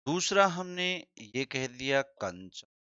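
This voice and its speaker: A man's voice: medium pitch, sing-song, bright, forceful tone, dry recording. A man teaching a Hindi grammar lesson, repeating key terms and quizzing his listeners. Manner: drawn-out, deliberate delivery. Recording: slightly dull, dry sound.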